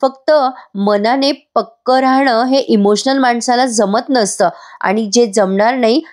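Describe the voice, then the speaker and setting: A woman's voice: a little high, steady tone, measured pace, a little mellow, lightly acted. A woman reading the lines of a cold, mocking woman who speaks sarcastically. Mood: sarcastic.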